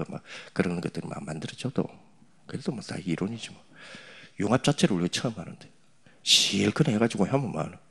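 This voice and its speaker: A middle-aged pastor preaching a sermon, his voice husky and his pitch leaping up and down. He teases and chats with the crowd, dropping to near-whispered asides between louder lines. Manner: teasing, conversational, swings from loud to hushed asides. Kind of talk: sermon to young adults.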